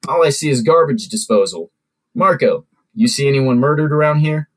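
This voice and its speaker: A man voicing a commanding older mob godfather with a calm, measured menace. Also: medium pitch, voice pushed up, close to an everyday voice. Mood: sly.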